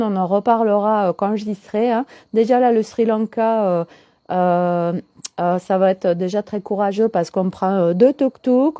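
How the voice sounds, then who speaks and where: Mellow-voiced middle-aged woman chatting live. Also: on the high side, dry recording, dull audio. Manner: chatty, answers viewers' comments as she talks. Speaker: holistic coach. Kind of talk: casual live stream chat.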